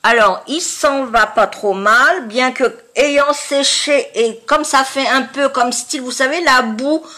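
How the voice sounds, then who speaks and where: A woman with a fairly high, honking and nasal voice, stuffed up with sinus congestion. She talks slowly and casually, as a beauty vlogger does to her viewers, often stopping to search for her words. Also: sharp tone. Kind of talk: casual product-review chat to viewers.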